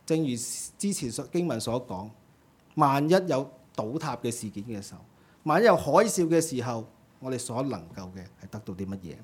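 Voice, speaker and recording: A man's voice: medium pitch, sing-song, fairly quick, breathy edge. Earnest preacher man. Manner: earnest, exhorting, swings between emphatic and quiet. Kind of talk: sermon.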